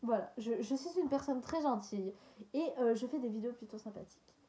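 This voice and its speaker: A young woman's voice, pitched a little high, in a relaxed and rambling vlog chat. She answers viewer questions with lots of hesitation and filler words, laughing softly now and then. Her delivery is informal and meandering. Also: brisk. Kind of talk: casual chat.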